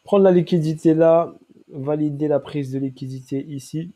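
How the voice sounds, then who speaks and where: A man's voice: a little high, steady tone, moderate pace, dark tone. A man with a stuffy nose and a nasal voice from a cold, walking viewers through a trading chart and stopping often to check that they follow. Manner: explanatory, checks in with listeners often. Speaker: crypto trading analyst. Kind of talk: chart analysis walkthrough.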